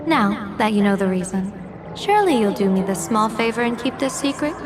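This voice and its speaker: Casting: actress playing coy, theatrical game fortune-teller, young woman, mid-pitched with sweeping intonation, music behind. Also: lively intonation, brisk, close to an everyday voice. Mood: mysterious, coy. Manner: teasing, coy, dramatic. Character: sly, theatrical young female fortune-teller, playfully blackmailing. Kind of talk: video game voice acting. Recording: music under the voice.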